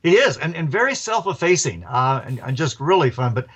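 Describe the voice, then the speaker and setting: A man, an author and professor, telling stories as a radio interview guest in a lively, chuckling way. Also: fairly high pitch, fairly quick, slightly rough.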